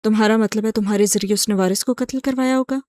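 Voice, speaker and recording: A woman's voice: mid-range voice, fairly even intonation, a little mellow, natural voice. A woman reading the lines of a young lawyer wife who pleads that she is innocent. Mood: irritated. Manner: pleading, stunned, defensive.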